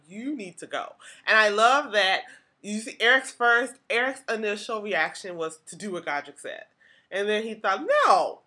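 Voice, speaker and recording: A woman's voice: medium pitch, sharp tone. A woman hosting a podcast, talking through a TV episode in a chatty, casual way with lots of "like" and restarts. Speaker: podcast host.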